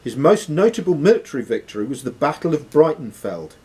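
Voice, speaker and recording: A quizmaster reads questions aloud to contestants in a social club room with players around him, captured in a noisy live recording. His voice is on the high side and sing-song, a little fast, with a darkish tone.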